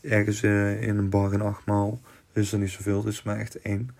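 A man's voice: lowish voice, completely flat delivery, moderate pace, gravelly, darkish tone. A young man hosting a podcast, telling personal stories casually, rambling and restarting sentences, with casual swearing. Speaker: podcast host.

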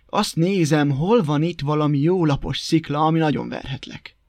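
A man voicing a gruff, vengeful wolf who growls his threats in a blustering way in a storybook tale. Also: fairly high pitch, a little mellow, no echo, close to an everyday voice.

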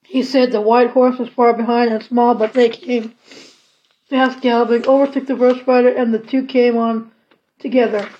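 A woman reading a classic children's novel aloud at an unhurried pace, plain and steady. Her voice is fairly high, and the recording has a slightly dull, lo-fi quality. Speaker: audiobook reader.

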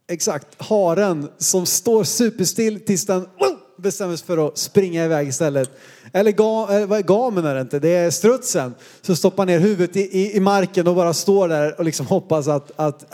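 A man's voice: high voice, darkish tone. A man in his thirties from Sweden, preaching a sermon and telling funny, self-deprecating stories from his boyhood. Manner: humorous, self-deprecating storyteller. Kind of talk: sermon with personal anecdotes.

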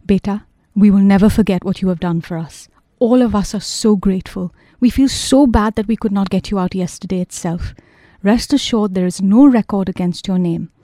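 A woman playing a kind middle-aged father in an audiobook, gentle and reassuring. Her tone is dark and mellow, recorded dry and close. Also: high voice, moderate pace, dry recording, close to an everyday voice.

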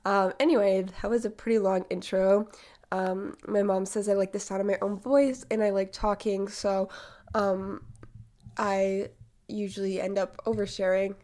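An eighteen-year-old woman, congested from a cold, delivers a casual podcast monologue as host, chatty and full of fillers. Her medium-pitched voice is dark-toned, with fairly even intonation and a moderate pace.

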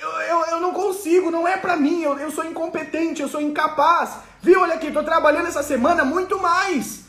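A whiny, exasperated everyday woman sighs through her complaints, as a female speaker puts her on. The voice sits very high and sounds full of self-pity. The recording has a roomy echo around it. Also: fairly quick, few pauses, a bit bright.

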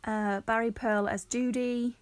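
A woman's voice: fairly high pitch, little pitch movement, unhurried, no echo. A woman co-hosting a casual film review chat, talking through her notes with frequent laughter. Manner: chatty, reads out her notes, often laughs. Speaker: podcast co-host.

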